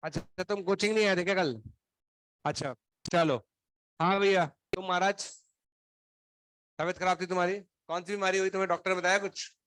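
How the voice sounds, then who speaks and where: Sarcastic male teacher telling off a class, a bit high voice, dry room sound, feverish. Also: fairly even intonation, brisk, pauses often, fairly bright tone, no room sound. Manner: stern, sarcastic, questioning students one by one. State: feverish, throat unwell. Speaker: coaching teacher. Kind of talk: scolding a class in a lecture.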